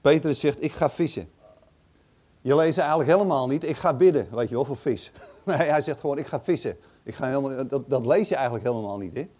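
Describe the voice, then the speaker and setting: A man's voice: mid-range voice, brisk, mellow. A man reading a Bible passage aloud and commenting on it casually, thinking aloud with hesitant, chatty asides. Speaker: Bible teacher.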